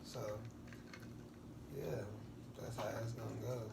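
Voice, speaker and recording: A man's voice: mid-range voice, fairly even intonation, slow pace, vocal fry. A tired young man chatting loosely as co-host at home. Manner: laid-back, sleepy, loose talk. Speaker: boyfriend and co-host. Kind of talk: casual chat. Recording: noisy roomy sound, off mic.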